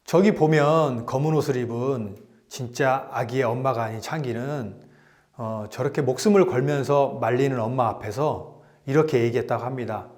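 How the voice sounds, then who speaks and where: A man giving a lecture to elderly students, retelling a story with lively swings and frequent fillers. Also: medium pitch, normal speed.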